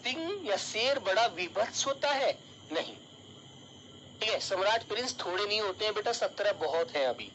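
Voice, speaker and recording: A man's voice: high voice, very animated, normal speed, fairly bright tone, a little hiss or hum, rough recording. A male teacher giving an online exam-prep lesson, calling his students child and dear and explaining with everyday examples.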